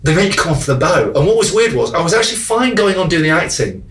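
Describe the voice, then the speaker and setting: A man's voice: a little high, sing-song, fast, fairly bright tone, far from the mic. A man co-hosting a radio show, talking in a loose, self-mocking way. His voice has a roomy, echoey sound, as if he sits a little back from the microphone. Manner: chatty, self-mocking, laughs often. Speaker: radio co-host and actor. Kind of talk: casual radio chat.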